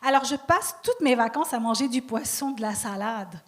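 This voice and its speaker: A woman comedian with a non-Québec French accent tells self-mocking stories on stage. Her voice sits a little high, and she laughs easily between her punchlines. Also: animated, moderate pace. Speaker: stand-up comedian. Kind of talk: stand-up routine.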